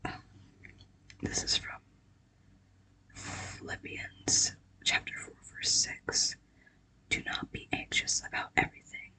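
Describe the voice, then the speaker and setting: An ASMR creator whispers a breathy pep talk of affirmations and scripture, casual and halting, offering gentle reassurance. The recording is low quality.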